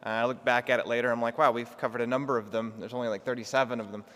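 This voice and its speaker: A man delivers a lecture into a microphone in a big church. He talks fast and works at projecting to the back of the room. His voice sits at an ordinary pitch and carries a long, ringing reverb. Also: level tone, a bit bright. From Texas. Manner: fast-talking, trying to slow down and project. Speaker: guest lecturer. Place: large echoey church.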